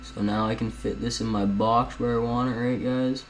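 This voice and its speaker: A young man at home talks viewers through a screen-recorded video editing tutorial in a casual, rambling, chatty way, often calling them "guys." His voice is mid-range with a flat delivery at a moderate pace, and the recording is low quality.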